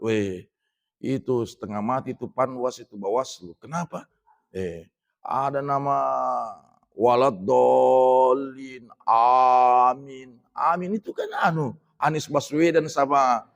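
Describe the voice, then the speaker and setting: Middle-aged Indonesian preacher, chatty mosque talk, slow careful Arabic recitation. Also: male voice, medium pitch. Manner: conversational, addresses listeners as Pak, recites Arabic slowly. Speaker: ustadz giving a mosque lecture. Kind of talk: religious lecture.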